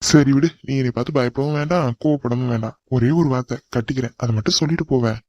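A man's voice: medium pitch, fast talker, a little mellow, dry recording, muffled recording, natural voice. A man voicing a cocky young man in a cartoon who bossily teases his cousin. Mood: teasing. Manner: bold, bossy teasing. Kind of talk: cartoon voice acting.

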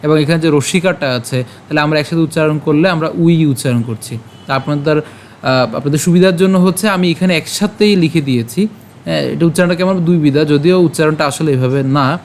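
A man teaching the pronunciation of Sanskrit verses, chanting slowly and asking patient questions. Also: a little high, a little mellow, slight background noise. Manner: slow syllable-by-syllable chanting of verses; patient explaining with rhetorical questions. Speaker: Gita recitation teacher. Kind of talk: pronunciation lesson.

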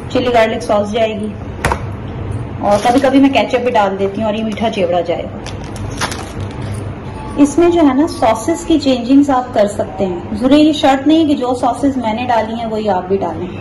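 A woman's voice: fairly high pitch, normal speed, pauses often. A young woman, chatting casually through a recipe vlog with lots of fillers, recorded on a camera mic a few feet away at home. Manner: chatty, gestures a lot while talking, many fillers. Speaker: cooking vlogger. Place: home kitchen and dining table, indoors. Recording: echoey kitchen with noise.

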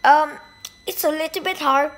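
Bright-voiced woman unboxing a toy helicopter. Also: high voice, slow pace. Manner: excited, exclaiming, talks to viewers as guys. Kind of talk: casual unboxing vlog. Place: indoors at home. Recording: echoey room, faint noise.

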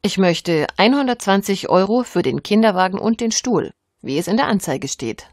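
A woman's voice: medium pitch, normal speed, dry recording. An actress playing a woman selling a pram in a scripted textbook dialogue recorded in a studio. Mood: firm selling. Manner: clear, even-paced speech. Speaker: seller.

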